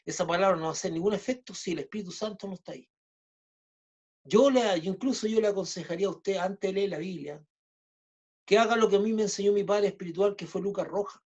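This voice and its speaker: A man preaching a sermon, speaking in short halting phrases with many restarts and fillers. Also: sits high, darkish tone, dull audio. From Chile.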